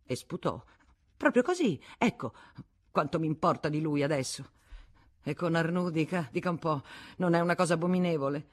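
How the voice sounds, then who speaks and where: A narrator voicing a bitter, scheming older spinster in a storybook reading, short of breath. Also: female voice, deep voice, lively intonation, moderate pace. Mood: ranting. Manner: vehement, spiteful, breathless outbursts. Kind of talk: audiobook character voice.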